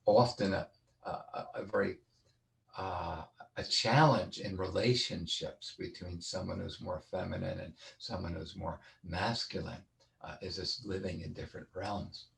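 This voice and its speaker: A man's voice: deep voice, steady tone, measured pace, creaky. A man giving an informal lecture as a wellness teacher, rambling with frequent fillers and restarts. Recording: roomy, distant mic.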